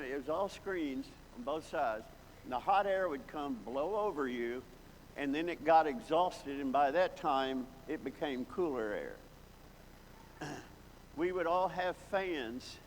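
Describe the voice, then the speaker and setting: Folksy male preacher, fairly high voice, long church-hall reverb. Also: slow. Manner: folksy, reminiscing, building to emphatic exclamations. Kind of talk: sermon with storytelling. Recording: long hall reverb, faint background noise.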